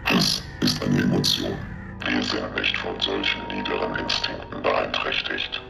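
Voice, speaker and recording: A man's voice: rumbling low, unhurried, gravelly, heavily acted. A man voicing a cold, emotionless machine overlord whose voice comes in over a starship's communication channel. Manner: flat, emotionless, calculating. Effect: heard over a ship's communication channel. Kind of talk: fan-made sci-fi audio drama. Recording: echoey transmission under loud music.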